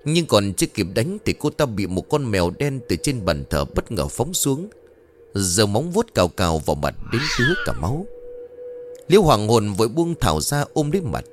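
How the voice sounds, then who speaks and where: A man narrating a dramatic ghost story in an expressive, lively way. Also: on the low side, normal speed, soft background music.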